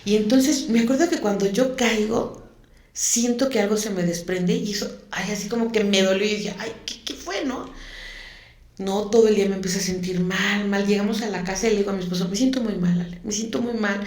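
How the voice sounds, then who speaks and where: A woman's voice: mid-range voice, steady tone, a little fast, darkish tone. A woman, a guest telling a personal story in an interview, emotional and repeating words for emphasis. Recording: echoey room.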